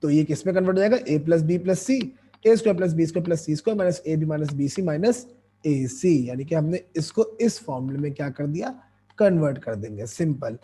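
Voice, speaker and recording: Hoarse male math teacher. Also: on the high side, lively intonation, fairly quick, dark tone. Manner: explains step by step with repeated questions to students. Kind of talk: online math lesson.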